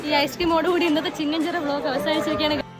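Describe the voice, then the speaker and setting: High voiced woman vlogging, throws in english words, chatty and exclamatory, crowd and music behind. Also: level tone, rapid-fire. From Palakkad, Kerala, India. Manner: mixes English words into Malayalam; exclamatory, addresses viewers often. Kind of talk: casual on-the-go vlog chat.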